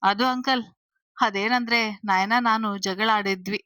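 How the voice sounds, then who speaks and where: A woman's voice: mid-range voice, steady tone, measured pace, sharp tone, dry recording, rough recording. A woman voicing a bold, confident young man in love who talks bluntly and straight in an audio story. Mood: earnest.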